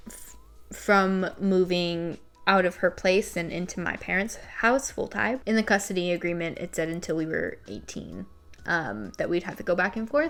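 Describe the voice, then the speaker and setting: A woman's voice: fairly low pitch, fairly bright tone. A woman in her twenties talking casually and confessionally to camera, candid and self-deprecating, as she shares and comments on personal writing. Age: 20s. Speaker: vlogger. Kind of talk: casual confessional talk to camera, reading and commenting on an old journal. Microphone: recorded at home with a ring light set up.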